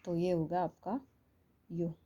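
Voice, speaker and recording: A woman's voice: fairly low pitch, level tone, slow, dark tone. A woman with an Indian accent teaching English phonics online, explaining patiently and repeating each sound.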